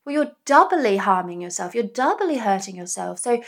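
A woman speaking earnestly and gently into a small dictaphone indoors, with many fillers, reflecting personally as a podcast host. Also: mid-range voice, sing-song, moderate pace. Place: indoors in front of a mirror. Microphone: small dictaphone recorder.

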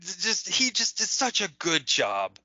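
A man's voice: sits high, wildly swooping pitch, measured pace, bright, forceful tone, husky, dry recording. A man co-hosting a podcast, chatting eagerly about a movie with stammered restarts and lots of "like.". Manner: enthusiastic, stammering restarts, says "like" a lot. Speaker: podcast co-host. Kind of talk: casual movie review chat. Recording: dry, dull lo-fi podcast audio.

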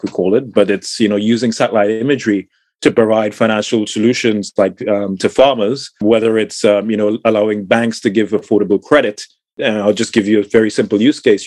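A middle-aged man from Trinidad, a climate tech entrepreneur appearing as a guest, answers interview questions thoughtfully with many fillers and repeated words. His voice is on the low side and darkish, with no room sound.

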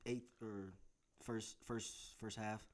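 A young man from Tennessee co-hosts a casual podcast from an apartment in the Bronx, rambling in a laid-back way and laughing often. He speaks slowly with a lowish voice and flat delivery, picked up by handheld recorder mics.

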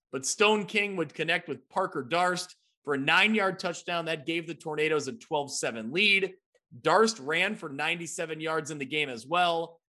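Bright, high-voiced male sports host. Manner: upbeat, self-deprecating, recaps game stats. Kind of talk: casual sports talk.

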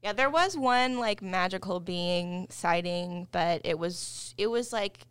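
A woman's voice: lowish voice, slow, smooth, no room sound. A woman co-hosting a casual podcast, rambling with restarts as she shares and reads out her research. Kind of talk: casual podcast chat and reading aloud.

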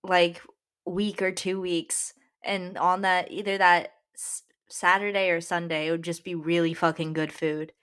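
A woman's voice: on the low side, little pitch movement, a little slow, fairly bright tone. Young woman in casual podcast chat. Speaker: podcast co-host.

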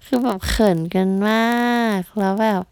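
Chatty woman with a gravelly voice. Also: mid-range voice, unhurried, no room sound. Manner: chatty, expressive, acts out what others said. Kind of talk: casual storytelling.

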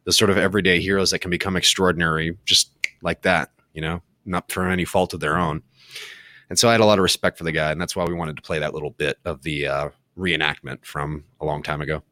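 A man co-hosting a casual talk show, relaxed and earnest, with dry jokes. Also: low-pitched, quick pace, no room sound. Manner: relaxed, earnest, joking aside. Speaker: show co-host.

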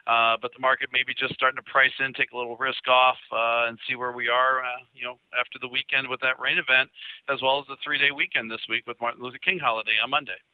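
A man, giving market commentary over a phone line, with steady talk and frequent fillers. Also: mid-range voice, quick pace, no room sound. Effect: heard over a phone line. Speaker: market analyst guest. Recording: tinny dry phone line.

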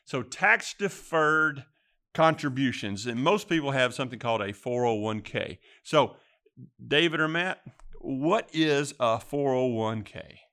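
A man's voice: mid-range voice, lively intonation, a little slow, sharp tone. A man hosting a financial discussion, recapping and asking questions in plain words. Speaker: podcast host.

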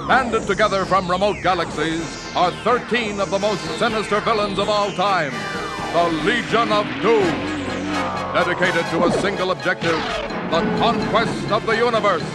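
An actor playing the grave, dramatic narrator of a seventies superhero cartoon. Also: male voice, high voice, moderate pace, close to an everyday voice. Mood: grave, urgent. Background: loud music.

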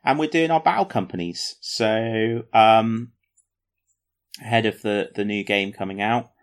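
A man with a somewhat low voice chats casually on a podcast. He rambles with plenty of ums, jokes at his own expense and keeps things light and chatty. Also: a little slow. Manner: jokey, self-mocking, rambling with fillers. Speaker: podcast co-host. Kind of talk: casual chat about tabletop wargaming.

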